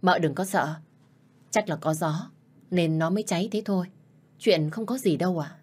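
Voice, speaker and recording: A woman's voice: lowish voice, normal speed, darkish tone, breathy edge. A woman voicing a caring, polite housemaid. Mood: concerned. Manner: polite and soothing. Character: caring, anxious female housemaid.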